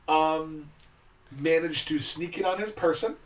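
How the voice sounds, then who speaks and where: A man co-hosting a podcast, casually chatting about his tabletop game characters in a relaxed, explanatory way. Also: on the high side, measured pace. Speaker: podcast co-host. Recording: distant mic with faint background noise.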